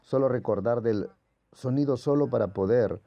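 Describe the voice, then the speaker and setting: A man's voice: medium pitch, normal speed, warm tone, no echo, dull audio. A man whose first language is Portuguese gives a patient, explanatory lecture as a Greek language teacher, sounding out letters as he goes. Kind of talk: classroom lecture.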